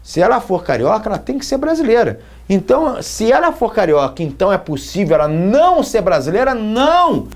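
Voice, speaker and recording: A man's voice: sits high, sing-song, fairly quick, hardly any pauses, darkish tone. A man from Brazil teaching a logic lesson at a whiteboard, checking in with students again and again as he explains. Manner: explains with repeated questions to the students.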